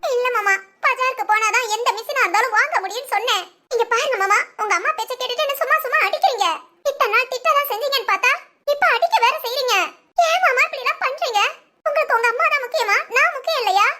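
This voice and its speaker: A woman's voice: very high voice, quick pace, bright, forceful tone. A woman voicing a sly, defiant young village wife in a cartoon, sarcastic and muttering spiteful asides, with Tamil village speech. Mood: pleading. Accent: Tamil Nadu village speech. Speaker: daughter-in-law.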